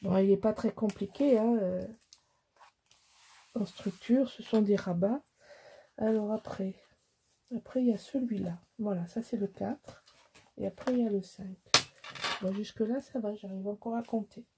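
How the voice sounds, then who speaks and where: A woman's voice: medium pitch, moderate pace, long pauses, mellow, slight background noise. A middle-aged woman from Alsace, chatting casually through a crafting tutorial, rambling and self-mocking with many restarts. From Alsace, France. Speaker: scrapbooking crafter.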